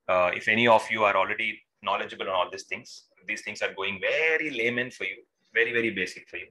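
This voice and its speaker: A low-pitched man with a bright, forceful voice. He teaches live on a video call in an informal way, calling his learners sir and tagging points with short questions. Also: low-quality recording. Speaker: instructor. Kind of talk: live online technical lesson, informal and interactive. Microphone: video call microphone.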